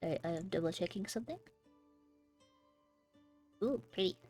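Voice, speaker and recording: Woman GM, lowish voice, meandering scene descriptions, frequent ums. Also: lively intonation, a little mellow, soft background music. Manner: rambling, full of "like" and "um", unhurried. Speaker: game master. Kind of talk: narrating a tabletop game.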